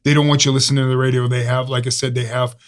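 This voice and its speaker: A man's voice: mid-range voice, little pitch movement, racing. A man in his fifties from Ohio with an Ohio accent, a stuntman and actor telling stories as a guest in a casual interview, joking and self-mocking. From Ohio, USA. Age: 50s. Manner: jokey, self-mocking storyteller.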